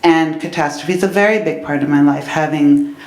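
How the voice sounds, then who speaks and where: A woman from Colombia speaking earnestly and deliberately as a panelist in a discussion. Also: low-pitched, darkish tone, roomy sound, rough recording. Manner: earnest, deliberate, listing words one by one.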